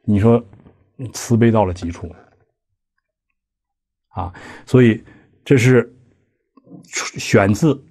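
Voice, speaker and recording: A lecturer on Buddhist practice works through an old text in a lecture hall, reading each line aloud and then explaining it in plain language. His fairly low voice is mellow and a little husky. He regularly addresses his audience with questions and conversational asides.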